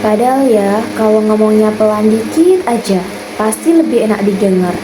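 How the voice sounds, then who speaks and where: A woman's voice: medium pitch, normal speed, roomy sound, noisy background, lightly acted. A young woman playing a chatty, teasing classmate in a school skit, talking casually. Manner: casual gossiping schoolmate talk.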